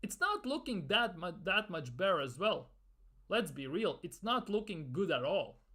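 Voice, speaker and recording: Exasperated sarcastic man, lively pitch. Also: moderate pace. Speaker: football fan vlogger. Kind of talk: ranting fan commentary.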